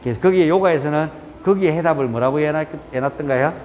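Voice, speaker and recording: A man leads a live yoga class, his voice sitting a little high. He chats, teases his students and counts through each pose aloud. The sound carries a long echo from the studio, with faint room ambience behind it. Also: quick pace, lo-fi sound, a little hiss or hum. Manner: chatty, teasing, counts poses aloud. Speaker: yoga instructor.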